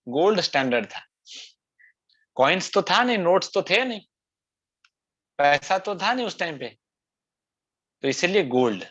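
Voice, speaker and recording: A man's voice: high-pitched, a bit bright. A man preaching a scripture discourse in a conversational way, often tagging lines with rhetorical asides. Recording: dull lo-fi sound.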